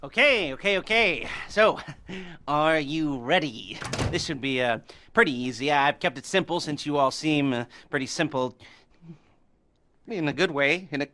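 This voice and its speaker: In a video game cutscene, an actor voices a jittery, heavily medicated male heist planner, speaking a little slowly in a pushed, bright tone over slight background noise. He's nervous and giggly, rambling and laughing, with manic swings in pitch.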